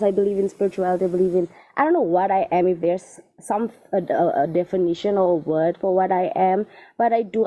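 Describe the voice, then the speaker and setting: Muffled caller, as if through a wall. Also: female voice, lowish voice, dry recording. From Cape Town, South Africa. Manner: hesitant, many fillers and restarts. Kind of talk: casual call-in chat. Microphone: phone call. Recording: dull muffled phone line.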